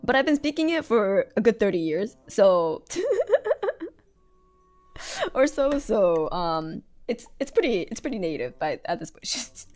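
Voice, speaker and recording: Giggly woman with a lively voice. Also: a little high, slow, soft background music. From United States. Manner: giggly, chatty, trails off and restarts. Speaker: streamer. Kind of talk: casual livestream chat while drawing.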